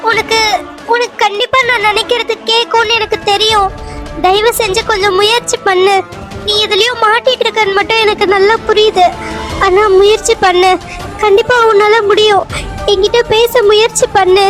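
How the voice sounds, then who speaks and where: A woman's voice: extremely high pitch, fairly even intonation, normal speed, music in the background. A woman voicing an urgent young cartoon heroine. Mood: pleading. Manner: urgent, repeated pleading. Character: earnest young woman calling a spirit. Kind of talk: cartoon serial voice acting.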